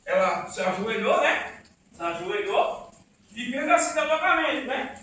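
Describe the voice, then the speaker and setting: A man preaching an informal church sermon, animated and quizzing the congregation. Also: very high-pitched, measured pace. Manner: animated, asks the congregation questions, acts out quotes. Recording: echoey room from far off, faint noise.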